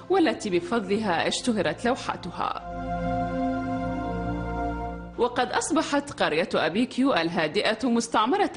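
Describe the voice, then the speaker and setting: A woman reading scripted documentary narration in a lively, newsreader-like way. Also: medium pitch. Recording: voice-over with music bed.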